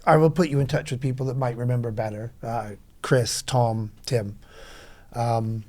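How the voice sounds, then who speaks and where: A middle-aged man rambling through club memories in a casual podcast chat, full of quick asides. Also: medium pitch, steady tone, a little mellow. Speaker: club veteran guest.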